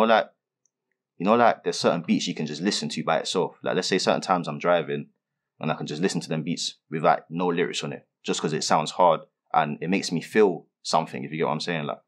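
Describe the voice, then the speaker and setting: A young man from London with a London accent, answering interview questions in laid-back street slang with lots of fillers. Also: rumbling low. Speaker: rapper being interviewed.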